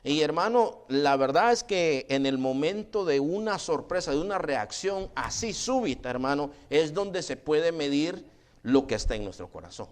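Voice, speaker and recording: A man's voice: fairly high pitch, expressive. Conversational pastor preaching to his congregation. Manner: conversational preaching, often adds "hermano" and "¿verdad?"; slow, deliberate congregational reading of scripture. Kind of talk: sermon. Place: church sanctuary.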